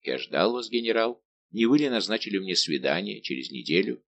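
Male reader as dignified count; calm, measured lines. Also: fairly low pitch, creaky, heavily acted. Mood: composed. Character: calm proud noble count.

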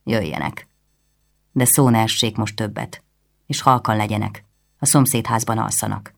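A woman voicing a dutiful old servant woman who speaks deferentially and in a hushed tone. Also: rumbling low, steady tone, gravelly, voice pushed down.

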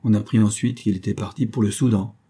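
A man narrating a translated classic short story in a steady, measured way. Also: on the low side, husky. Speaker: audiobook narrator. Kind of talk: scripted narration.

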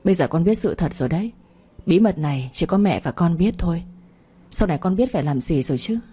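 A woman's voice: lowish voice, animated, quick pace, slightly rough. A woman voicing a scheming, cruel middle-aged mother with a conniving way of talking. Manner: coaxing then sharp, conniving.

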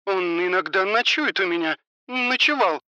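A man's voice: high-pitched, animated, moderate pace, pushed and bright, clean tone, dry recording, muffled recording, voice pushed up, heavily acted. A man voicing a frightened woman caught up in drug dealing, talking in a scared, pleading way.

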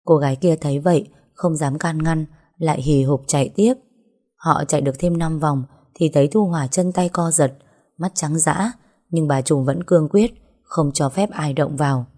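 Woman reading a drama story out loud, low mellow voice, steady. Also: moderate pace. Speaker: narrator. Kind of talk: story narration.

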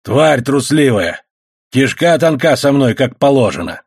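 Menacing brute blacksmith for an audiobook, read by a man: gruff, jeering, husky, dry close sound. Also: medium pitch, lively intonation, moderate pace, dry recording. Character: threatening heavy male blacksmith, young adult-to-middle-aged, brutish.

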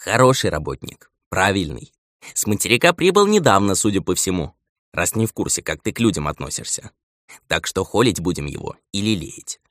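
Male narrator doing a lecturing old steward in an audiobook; lively, swooping delivery, raised a bit above his own low voice. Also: a little fast, dry recording, clean studio sound, full character voice. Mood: scolding. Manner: nagging, lecturing elder. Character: old male steward, stern, patient, scolding.

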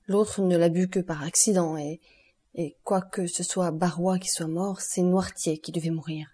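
A woman reading the part of a stern, relentless male doctor, solemn and accusing in a measured way. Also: on the low side, fairly even intonation, mellow, lightly acted.

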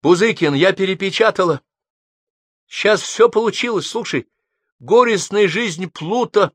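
A man's voice: high voice, a little slow, dry recording, pitched above the performer's own voice. A male reader voicing an earnest woman reading her own prose with emotion.

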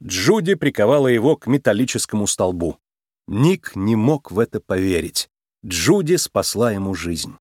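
A man narrating a children's storybook aloud with an expressive, animated reading. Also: fairly low pitch, moderate pace, no echo, clean studio sound.

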